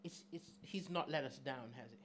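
Here a stand-up comic, a middle-aged southern African man, performs crowd work on a small club stage, animated and chatty as he quizzes people over a handheld microphone. He talks at normal speed with a medium pitch, and there's a slight hiss or hum.

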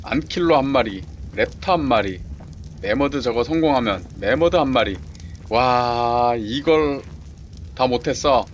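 Guy streaming a survival game, slow easy talk, game noise loud in the back, keeps yelling at the animals. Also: mid-range voice, muffled recording. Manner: talks to himself and the game creatures, excited exclamations. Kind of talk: casual gameplay commentary. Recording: clear background game noise.

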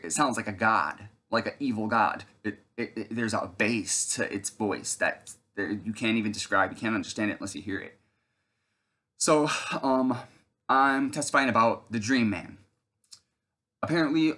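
Man, 30s, low-ish voice, earnest rambling testimony delivered straight to camera. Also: slightly rough. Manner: earnest, rambling, with fillers and restarts; breaks off to shout at someone off camera. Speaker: video testifier. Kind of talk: religious testimony monologue.

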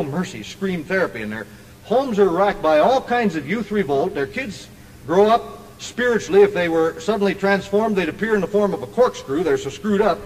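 A man preaching a sermon to a congregation, emphatic and conversational, building to ringing declarations. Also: sits high. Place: church hall before a congregation. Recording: long reverb of a church hall.

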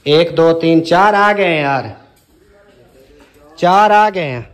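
A man's voice: fairly high pitch, expressive, slow pace. Man vlogging while directing helpers. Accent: Pakistani. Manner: bossy, joking instructions to helpers. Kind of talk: casual vlog narration while directing helpers. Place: village house, indoors and outdoors.

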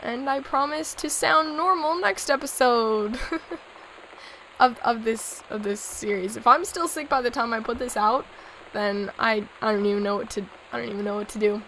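A hoarse, sick young woman hosting a let's play, chatting and giggling as she reads in-game notes aloud. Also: a little high, moderate pace, pushed and bright, a little hiss or hum, poor audio. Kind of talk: casual gameplay commentary.

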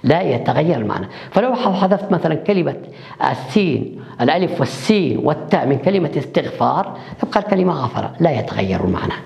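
A man's voice: on the high side, big pitch swings, fast, gravelly, darkish tone. A male university lecturer giving a recorded online lecture, explaining step by step and answering his own questions to the class. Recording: echoey room, dull lo-fi sound.

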